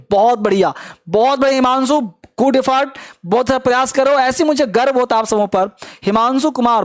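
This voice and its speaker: A man with a Bihari Hindi accent and an extremely high-pitched voice teaches English in a live online class. He encourages students, repeats his prompts and urges quick answers, captured in a dry, clean studio recording.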